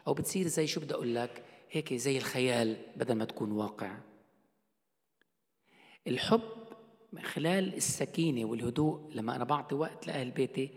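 Male pastor, middle-aged, gravelly voice, chatty sermon, long hall echo. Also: medium pitch. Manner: conversational preaching, rhetorical questions. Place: church hall.

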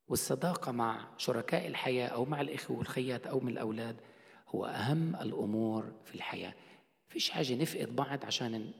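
A middle-aged man preaches with a gravelly edge to his voice. He talks to his congregation in a loose, conversational way and keeps asking them questions. His voice rings out in a church hall with a long reverb. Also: medium pitch. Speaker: pastor. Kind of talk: sermon.

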